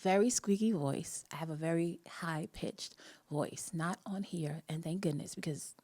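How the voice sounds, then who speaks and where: A Jamaican-accented woman with a low, mellow, unhurried voice hosts a live online talk. She shares a personal story in a chatty, earnest style meant to motivate, frequently laughing between phrases.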